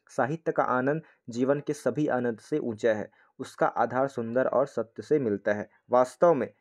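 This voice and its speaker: A young man works through exam questions as a teacher. He keeps putting questions to his students and answering them himself, often stopping to say "thik hai." His voice sits at a middling pitch. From India. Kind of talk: explaining test questions in a lesson.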